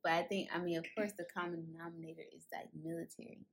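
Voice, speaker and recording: A woman in her twenties, a guest in a casual chat, talking in a relaxed way with fillers like "um" and "like". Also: on the low side, quick pace, creaky, a little hiss or hum. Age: 20s.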